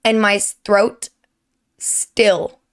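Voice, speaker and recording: A young woman, a streamer and YouTuber, sits at her desk at home giving her viewers an earnest, rambling personal update through a sore, strained throat. Her voice is medium in pitch and clean in tone, with fairly even intonation and drawn-out words.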